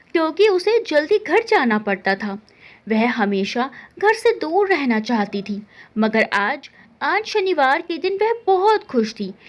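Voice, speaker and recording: A young woman narrating a story in the first person, expressive and indignant. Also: high voice.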